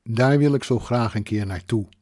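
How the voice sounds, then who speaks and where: A man voicing a sharp-tongued, bossy middle-aged widow who talks curtly, raising his voice for her. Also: mid-range voice, moderate pace, dry recording, clean studio sound, close to an everyday voice. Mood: curious. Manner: snappish, curt.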